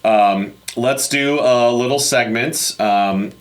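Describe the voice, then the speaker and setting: A man's voice: medium pitch, slow pace. Laid back guy hosting a podcast, runs the segments. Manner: easygoing, leads the segments. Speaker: podcast co-host, voice actor. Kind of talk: casual chat.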